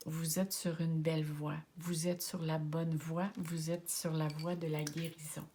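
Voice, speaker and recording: A woman with a Québécois French accent leads a tarot reading in a low, soft voice. She often drops to a near whisper and coaxes her listeners with gentle, encouraging words. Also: little pitch movement, measured pace. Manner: warm, encouraging, addresses viewers affectionately. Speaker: tarot and oracle card reader. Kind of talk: tarot card reading guidance.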